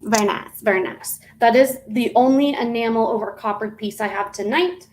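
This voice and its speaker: Woman, casual live-stream seller, slightly high pitch, rambling, fillers and self-corrections. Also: moderate pace, poor audio.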